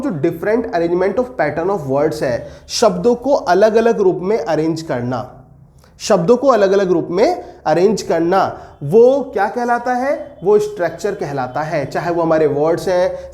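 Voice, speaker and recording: Animated high-voiced male teacher. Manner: animated, slows to dictate English definitions, rhetorical questions to students. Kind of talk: exam-prep lecture.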